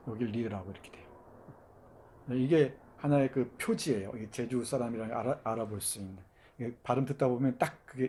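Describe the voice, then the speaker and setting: A man's voice: medium pitch, warm tone, slight background noise. A man giving a university literature lecture, explaining and demonstrating dialect pronunciations, with frequent fillers and restarts.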